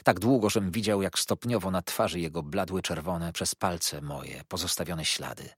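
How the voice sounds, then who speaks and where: A man narrating a literary audiobook in a dramatic, expressive reading. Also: sits low, normal speed, husky, no echo, clean studio sound.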